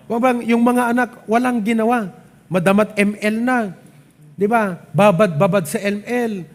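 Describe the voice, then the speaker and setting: A man with a Filipino accent preaching a sermon at church, animated, often asking the congregation to agree and mixing English into his talk. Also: high-pitched, measured pace. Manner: animated, asks the crowd "di ba?" often; mixes English and local speech, light laughs. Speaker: pastor. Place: church service.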